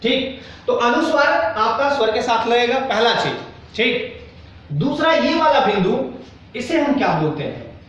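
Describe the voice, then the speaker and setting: High-voiced male Hindi teacher in an echoey classroom. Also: very animated, unhurried, fairly bright tone, recorded from a distance. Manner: questions the class often and answers himself; acts out students' doubts in quoted asides. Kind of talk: classroom grammar lecture.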